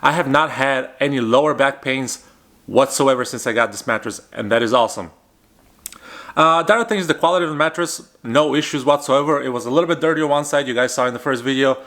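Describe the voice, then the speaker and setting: A man's voice: medium pitch, fast talker, a bit bright. A man in his thirties giving a casual, rambling product review at home in his apartment, with lots of fillers and restarts. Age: 30s. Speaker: vlogger.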